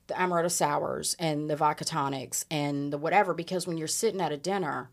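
A woman in her forties from Southern California, telling stories in a casual, animated chat and laughing as she talks. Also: low-pitched, brisk. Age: 40s. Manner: animated storyteller, laughs while talking.

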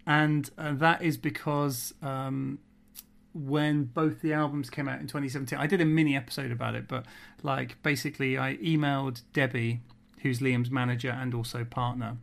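A man's voice: medium pitch, little pitch movement, moderate pace, gravelly, fairly bright tone. A man, a podcast host chatting casually and rambling, laughing often as he talks.

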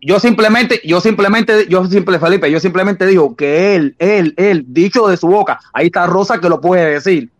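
A man's voice: high voice, moderate pace, few pauses, no room sound. A man with a Cuban accent calling into a live stream, talking insistently and repeating his points. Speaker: caller. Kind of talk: heated live-stream debate.

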